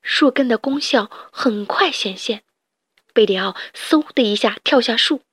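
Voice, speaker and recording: A woman storyteller reading a children's story aloud with gentle, expressive narration. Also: a little high, unhurried, husky, no echo, clean studio sound.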